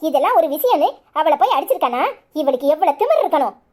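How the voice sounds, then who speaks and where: Woman doing a shrill scolding village wife. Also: big pitch swings, quick pace, a little mellow. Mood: angry. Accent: Kanyakumari Tamil. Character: quarrelsome young village wife, sharp-tongued. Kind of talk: cartoon voice acting.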